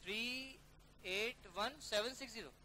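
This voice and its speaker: A male accounting teacher giving a classroom lecture, briskly coaxing students to call out figures and mixing English terms into his talk. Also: sits high, bright, forceful tone, slight background noise. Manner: calls students "beta" and "yaar". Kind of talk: classroom lecture working through a problem.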